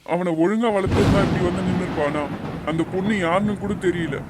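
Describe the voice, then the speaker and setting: A man's voice: sits high, fast talker, very noisy, close to an everyday voice. A man voicing a strict, proud father who scolds his son harshly, for a cartoon. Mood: angry.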